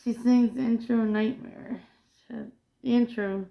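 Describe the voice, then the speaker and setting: A woman's voice: fairly high pitch, steady tone, takes it slowly, creaky, warm tone, rough recording. A woman co-hosting a casual pop culture chat, reading film trivia aloud and often stumbling over and correcting her words. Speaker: co-host.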